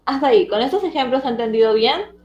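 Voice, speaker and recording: A woman's voice: high-pitched, expressive, fast. Woman teacher, roomy dull recording. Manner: explains step by step, checks in with students. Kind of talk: online language lesson.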